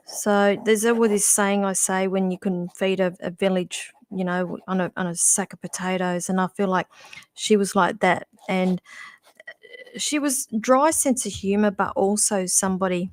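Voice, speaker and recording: A woman's voice: mid-range voice, fairly even intonation. A middle-aged woman giving a casual live-stream psychic reading, musing aloud and stopping and restarting as she talks. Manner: chatty, musing aloud, halting with restarts and fillers. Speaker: psychic reader.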